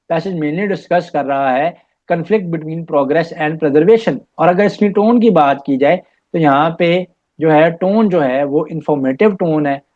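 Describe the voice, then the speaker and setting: A man teaches an entry-test English lesson, moving between Hindi-Urdu and English as he explains. His voice sits a little high. The recording is dull and lo-fi. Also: darkish tone. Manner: reads English passages slowly. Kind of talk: recorded lecture. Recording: dull lo-fi audio.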